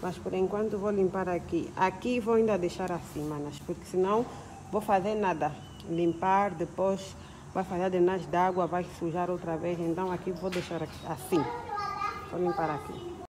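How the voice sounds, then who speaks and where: A woman's voice: lowish voice, fairly even intonation, moderate pace, a little mellow. Young woman, chatty home vlog, worn out, phone mic with audible background noise. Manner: chatty, addresses viewers as sisters. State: tired. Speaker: vlogger. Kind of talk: casual chat to camera. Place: apartment and plant-filled balcony. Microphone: phone at arm's length.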